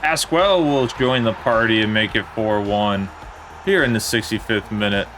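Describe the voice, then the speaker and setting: Low-voiced man commentating his game. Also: moderate pace, soft background music. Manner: plain, steady play-by-play with mild disappointment. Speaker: gaming commentator.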